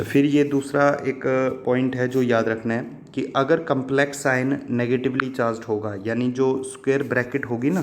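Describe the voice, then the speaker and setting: A man teaching chemistry in a patient, repetitive way, asking questions and answering them himself and addressing his students fondly as children. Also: mid-range voice. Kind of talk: classroom lesson explanation.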